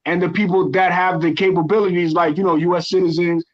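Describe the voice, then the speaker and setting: A man's voice: high voice, little pitch movement, fast. A man from Ghana, a guest on a podcast, talking crypto in a passionate, rambling way and often correcting himself. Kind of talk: casual crypto chat. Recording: dull lo-fi stream audio.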